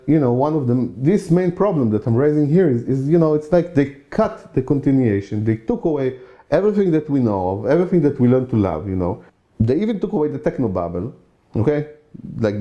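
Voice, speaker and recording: Speaking with an Israeli accent, this roughly forty-year-old Israeli man hosts his own channel and offers a casual opinion monologue, loose and chatty with lots of "you know" and repetition for emphasis. His voice is medium-pitched and dark, and the recording's highs are cut off.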